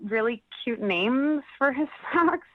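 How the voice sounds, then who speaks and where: A woman on a phone call with a radio show, talking in a hesitant, halting way. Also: sits high, expressive. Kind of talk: phone conversation. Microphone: phone line. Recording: tinny phone line.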